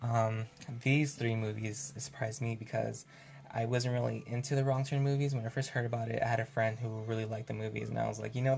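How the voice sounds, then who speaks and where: Gravelly-voiced young man rambling casually. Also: mid-range voice, slight background noise. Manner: rambling, filler-heavy, self-correcting. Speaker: vlogger. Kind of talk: casual unscripted video review.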